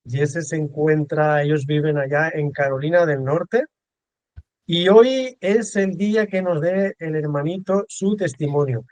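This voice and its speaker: Guy hosting a video call interview, bit high voice, dry sound, keeps restarting. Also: unhurried, dry recording. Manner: warm, repeats words and restarts often. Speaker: host.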